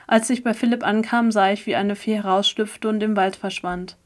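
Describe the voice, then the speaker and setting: A woman reads a first-person story aloud at a middle pitch. Her delivery is steady and expressive, in the manner of an audiobook narrator. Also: moderate pace.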